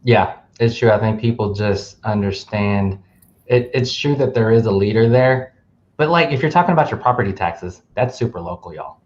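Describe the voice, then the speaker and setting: A man's voice: fairly low pitch, moderate pace, a little mellow, muffled recording, a little hiss or hum. A man co-hosting a casual talk, laughing often and peppering his speech with "like". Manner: laughs often, uses filler "like". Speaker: podcast co-host.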